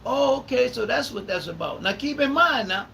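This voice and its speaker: A man in his thirties hosts a live podcast in loose, conversational talk. His voice sits unusually high and bright, and he drives points home by repeating phrases. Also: lively intonation, normal speed, creaky, a little hiss or hum, low-quality recording. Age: 30s. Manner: emphatic, repeats phrases for stress. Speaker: podcast host.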